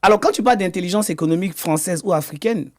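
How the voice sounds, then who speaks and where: A man's voice: high voice, quick pace, darkish tone. A man, a guest in an interview, explaining his work as an economic intelligence consultant. He often stumbles and repeats words mid-sentence.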